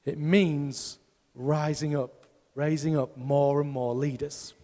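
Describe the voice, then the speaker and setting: Slow, emphatic pastor in a reverberant hall. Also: male voice, a little high, steady tone, warm tone. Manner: emphatic, asks the congregation rhetorical questions. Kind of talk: sermon. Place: church hall.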